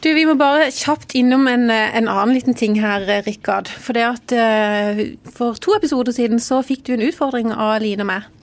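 A woman's voice: on the high side, hardly any pauses. A woman co-hosting a podcast, asking questions in a casual way with brief hesitations. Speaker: podcast co-host. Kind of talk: casual interview chat.

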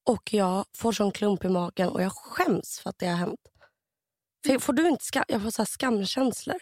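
A woman's voice: mid-range voice, lively intonation, a little mellow, no room sound, studio quality. Supportive woman chatting on a podcast. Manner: supportive, chimes in with quick agreement. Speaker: podcast co-host. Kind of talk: casual chat.

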